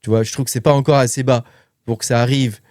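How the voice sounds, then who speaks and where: A man's voice: medium pitch, steady tone, fast, a little mellow, no echo, clean studio sound. A man hosting a crypto and mining channel, talking casually and informally with lots of fillers and asides. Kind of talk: casual commentary to camera.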